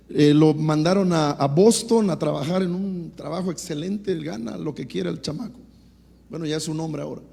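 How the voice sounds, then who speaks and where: High-voiced Mexican pastor preaching in a hall. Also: male voice, vocal fry, dark tone. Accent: Mexican Spanish. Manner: preaching with rising, emphatic bursts and quick storytelling asides. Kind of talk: sermon. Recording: long hall reverb.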